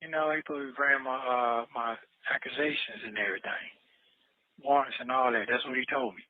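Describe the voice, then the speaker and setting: A man calling from jail on a payphone call line, talking low and mumbled. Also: steady tone, a little fast, dry recording. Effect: prison payphone call line. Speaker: inmate caller. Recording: tinny distant phone line.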